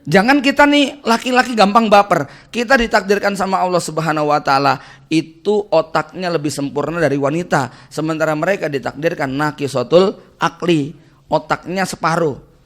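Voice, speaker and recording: A preacher and family counselor gives a casual Islamic study lecture in a voice on the high side at normal speed. He talks conversationally and animatedly, tagging nearly every phrase with "ya" and "gitu kan" as checks to the audience, jumping between stressed points and quiet asides.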